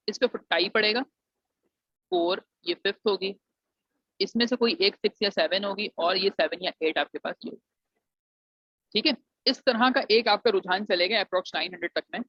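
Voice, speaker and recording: A man's voice: sits high, animated, normal speed, pauses often, dry recording. Man, student advisor, mixes in English, muffled lo-fi audio. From Pakistan. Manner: mixes English phrases into Urdu, calls students "beta". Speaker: admissions advisor for engineering students. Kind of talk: explanatory lesson to students. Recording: dull, dry lo-fi recording.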